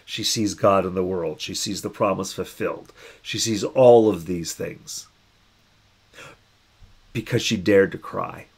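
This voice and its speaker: Pastor type, a man with a gravelly, husky voice, talks through scripture in a relaxed, musing way. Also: low voice, a little slow. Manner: musing, conversational, acts out quoted voices. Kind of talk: reflective Bible reflection.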